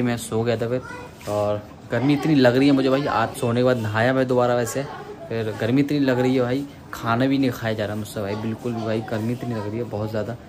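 A young male vlogger with a medium-pitched voice chats through a casual daily vlog, repeatedly calling the audience "brother." His phone camera is held at arm's length, and the setting shifts between an outdoor rooftop and a small room at home.

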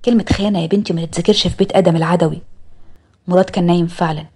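Woman doing a jealous egyptian dad, bossy and teasing, fast, husky. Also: on the low side, steady tone, a little mellow. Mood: teasing, scolding. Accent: Egyptian Arabic. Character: teasing middle-aged father, proud and jealous.

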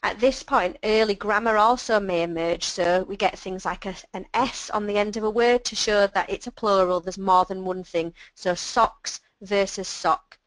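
A woman presenting a webinar on child speech and language, explaining patiently and clearly with simple examples. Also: medium pitch, steady tone, normal speed, hardly any pauses, dry recording, low-quality recording.

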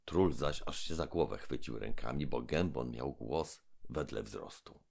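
Very deep gravelly male narrator. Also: unhurried, a little mellow. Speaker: audiobook narrator. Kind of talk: storybook narration.

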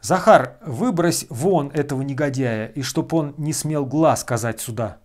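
A man voicing a gentle-natured nobleman who shouts in rage. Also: medium pitch, a little slow, natural voice. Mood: furious. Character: gentle nobleman driven to fury.

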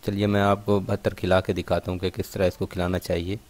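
Male bird-keeping vlogger, deep voice, near-monotone, steady and instructional, points things out to camera. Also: fairly quick. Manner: steady explanatory, repeatedly pointing things out to viewers. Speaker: bird keeper showing partridge care. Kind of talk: instructional demonstration vlog.

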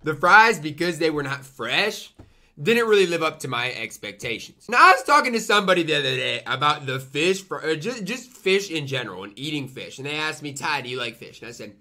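A young man with a slightly high voice reviews food casually for the camera, his pitch swinging widely as he speaks briskly in a bright, forceful tone. He talks emphatically and repeats himself for effect, murmuring appreciative "mm"s between bites. He is indoors in a small room at home.

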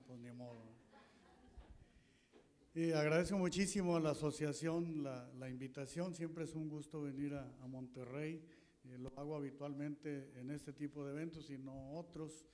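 A man's voice: on the high side, warm tone. Man giving a folksy history talk. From northern Coahuila, Mexico. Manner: folksy, rambling, with many fillers and restarts. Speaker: guest historian speaker. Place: auditorium stage. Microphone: handheld mic.

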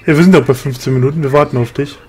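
A man's voice: medium pitch, racing, crowd noise. A man hosting a co-op game commentary, chatting and joking with his co-players. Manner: relaxed, joking banter with co-players. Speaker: let's play host. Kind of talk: casual gameplay commentary.

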